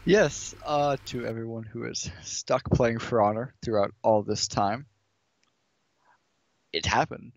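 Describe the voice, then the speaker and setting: A man co-hosting a reaction video, speaking in an excitable, emphatic way. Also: medium pitch, takes it slowly, gravelly, dull audio. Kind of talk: casual reaction video commentary.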